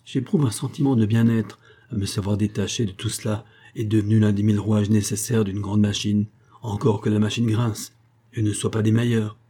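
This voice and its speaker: A man's voice: lowish voice, fairly even intonation, warm tone, breathy edge. A man reading a bitter young officer. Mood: grave. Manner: grave, measured, growing harsh.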